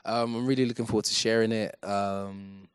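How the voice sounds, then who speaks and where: A young man in his twenties with a monotone voice, talking reflectively as a musician guest in a casual interview, with frequent fillers and restarts. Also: fairly low pitch, moderate pace, clean tone, no echo.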